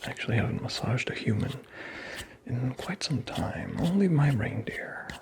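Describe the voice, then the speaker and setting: A man playing a teasing, vain Santa Claus in an ASMR roleplay, murmuring slowly in a breathy whisper. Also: medium pitch, lively intonation, lightly acted. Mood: soothing, chatty.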